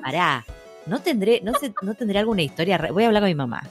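A woman's voice: medium pitch, very animated, fast talker, faint music behind. A woman with a Rioplatense Spanish accent, co-hosting a casual chat, playful and laughing often. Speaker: podcast co-host.

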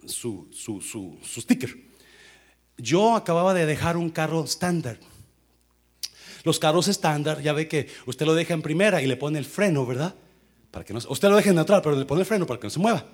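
A middle-aged man, a pastor, telling a story in a sermon with lively sound effects and English phrases mixed in. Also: medium pitch.

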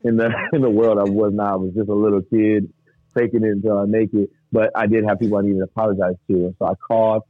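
A man's voice: on the low side, quick pace, no echo. A man, telling his story in casual talk, laughing often and acting out what others said. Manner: animated, laughs often, acts out quotes. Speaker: guest telling his testimony. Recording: dry tinny phone-like sound.

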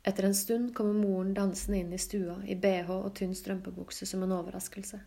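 Flat, mellow-voiced woman reading a novel. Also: gravelly. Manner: calm, even, low-key reading. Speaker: audiobook reader. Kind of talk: scripted literary narration.

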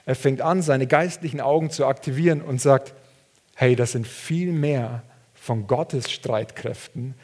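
Husky German-speaking male preacher. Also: unhurried. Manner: expressive preaching, reading scripture aloud, swinging from soft and low to loud. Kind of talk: sermon.

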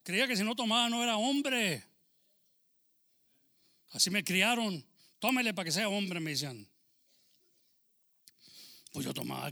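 A man preaching a sermon, shifting between loud proclaiming and quiet, confiding testimony. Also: high-pitched, gravelly. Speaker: pastor.

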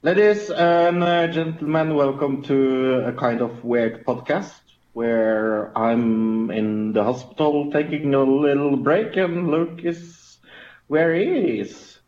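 A man's voice: mid-range voice, steady tone, slow pace, darkish tone, highs cut off. A man co-hosting a podcast in casual chat from a hospital room, with a laid-back delivery and lots of fillers, his voice sounding like it is in a cave. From Norway. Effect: cave-like echo. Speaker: podcast co-host.

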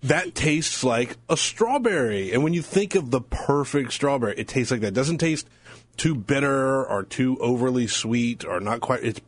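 A man's voice: medium pitch, animated, normal speed, dry recording. A man co-hosting a food podcast, bantering in a playful, laid-back way. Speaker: podcast co-host. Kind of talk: casual food podcast chat.

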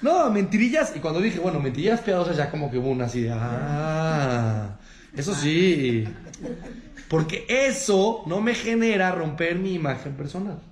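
A rabbi, giving a lively talk to an audience and acting out the people he quotes in changing voices. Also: a little high, moderate pace. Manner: acts out quoted people in shifting voices, addresses audience directly. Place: room with a live audience. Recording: echoey room with faint ambient noise.

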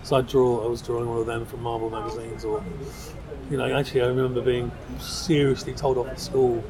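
A man's voice: mid-range voice, little pitch movement, brisk, rough recording. South London man chatting in a busy pub. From South London, England. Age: middle-aged. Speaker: podcast guest, designer. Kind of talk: casual pub interview chat. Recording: busy crowd chatter behind.

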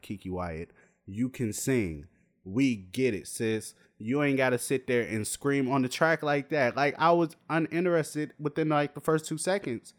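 Slangy man ranting with sudden squeaks. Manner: profane, slangy, with sudden high-pitched outbursts. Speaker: video host. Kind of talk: casual commentary rant.

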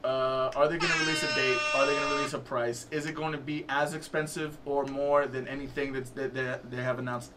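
A man's voice: medium pitch, little pitch movement, fairly quick, hardly any pauses, heavy background noise. A man co-hosting a casual gaming podcast, steering the talk loosely with lots of fillers. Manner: loose and chatty, leads topics with many fillers. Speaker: podcast co-host.

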